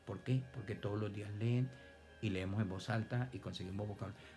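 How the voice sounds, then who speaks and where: A man teaching children reading and spelling online. He dictates words slowly, splits them into syllables and praises his pupils. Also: on the low side, steady tone, over music.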